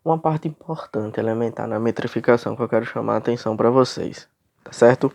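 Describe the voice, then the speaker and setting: A man with a Brazilian accent teaching a high school class, explaining step by step and often checking in with his students. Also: fast talker, vocal fry, a little mellow. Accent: Brazilian Portuguese. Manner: explanatory, checks in with frequent tags. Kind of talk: classroom lecture.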